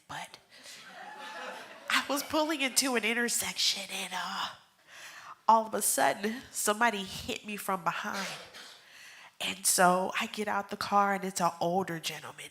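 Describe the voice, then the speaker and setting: Bright-voiced woman giving an emotional eulogy. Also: medium pitch, moderate pace, gravelly. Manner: emotional, swings from hushed whispers to loud bursts. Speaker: pastor's wife speaking at a memorial. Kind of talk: heartfelt eulogy.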